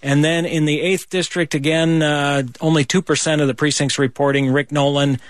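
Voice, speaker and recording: A man giving live election night results analysis as a political editor, reading out figures in a measured way with brief hesitations. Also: on the high side, little pitch movement, no room sound, clean studio sound. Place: radio studio.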